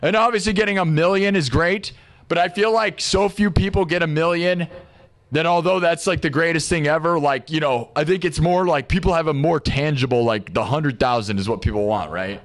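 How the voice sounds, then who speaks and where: A man from Des Moines, Iowa, with a fairly high-pitched, fairly quick voice, hosts a live music stream from his indoor home studio. The live-looping musician chats casually with viewers, upbeat and rambling, and keeps asking them "right?"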